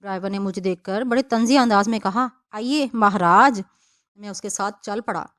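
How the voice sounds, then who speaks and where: A woman narrating a novel as an audiobook, with a steady storytelling delivery. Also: mid-range voice, dry recording, studio quality.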